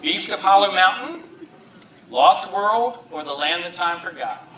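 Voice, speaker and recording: A man with a high, very animated voice hosts live horror movie trivia, bantering and joking as he goes. He is picked up from a distance in an echoey hall, with an audience behind him. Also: unhurried, slight background noise. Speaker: quiz host. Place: large hall at a live event.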